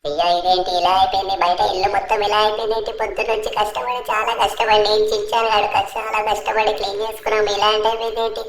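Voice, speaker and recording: A woman's voice: mid-range voice, little pitch movement, racing, few pauses, lightly acted. Woman playing Franklin, a frantic pleading young man. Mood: panicked. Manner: panicky, pleading and repetitive. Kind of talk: gaming cartoon voiceover. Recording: echoey room with faint music.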